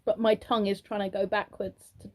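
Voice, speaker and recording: Brisk and medium-pitched with little pitch movement, this young British woman vlogs from inside her home. She's a childminder and vlogger, chatty and rambling with plenty of ums, her voice throaty and congested from a sore throat. When speaking to children, she offers sing-song praise.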